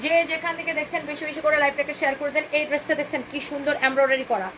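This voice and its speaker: A woman hosting a live clothing sale, talking in a chatty, repetitive sales pitch, slipping English phrases in and bantering with viewers' comments. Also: fairly even intonation, racing, fairly bright tone, a little hiss or hum, low-quality recording.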